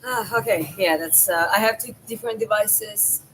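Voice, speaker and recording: A woman with a Georgian accent chats casually as a live streamer, thinking aloud in a halting way. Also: medium pitch, fairly bright tone, low-quality recording. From Georgia (country). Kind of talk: casual livestream chat. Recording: clear background noise.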